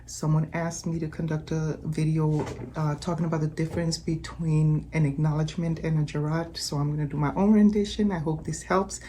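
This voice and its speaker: Woman, Caribbean accent, lowish voice, mellow tone, faint room hum, casual notary tutorial. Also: flat delivery. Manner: explains slowly from notes, addresses viewers directly. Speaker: notary teaching viewers. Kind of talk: casual explainer talk.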